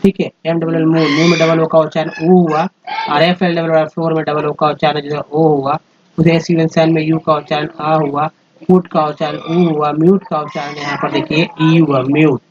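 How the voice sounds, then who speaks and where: A man's voice: on the high side, flat delivery, moderate pace, muffled recording, background noise. A man giving a patient, step-by-step pronunciation lesson over slides, going through example after example. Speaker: English teacher.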